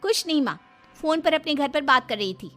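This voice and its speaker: A proud young daughter-in-law with a sneering, high voice looks down on everyone around her, as a woman puts her on. She sounds snappy and superior in this cartoon story, with faint music under her. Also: expressive, moderate pace, sharp tone, full character voice. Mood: sweetly false. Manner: sneering, haughty.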